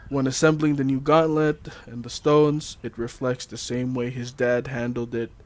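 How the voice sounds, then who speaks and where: A man's voice: medium pitch, little pitch movement, normal speed. A man hosting a casual chat, reading trivia notes loosely with fillers, laughs and the odd swear. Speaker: podcast host.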